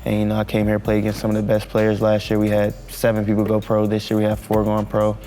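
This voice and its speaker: A young man speaks calmly and matter-of-factly in a documentary interview. His delivery is quick and almost monotone. Faint music sits under his voice. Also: on the low side. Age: young adult. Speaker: college basketball player.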